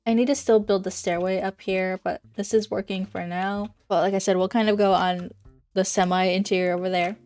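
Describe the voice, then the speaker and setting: With faint music in the background, a young Minecraft YouTuber rambles through casual gameplay commentary on a build she made, often correcting herself. She speaks at a moderate pace in a medium-pitched, darkish voice that sounds slightly congested and delivered flatly.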